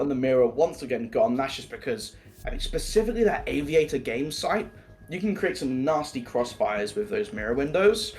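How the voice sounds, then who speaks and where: A man's voice: medium pitch, a little mellow. A man casting a live esports match, chatty and prone to tangents. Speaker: esports caster.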